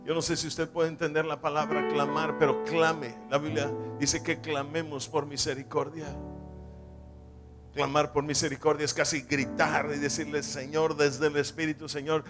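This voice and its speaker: A man's voice: on the high side, level tone, normal speed, music in the background. A man as pastor, leading an altar-call prayer with repetitive, urgent exhortations to the congregation.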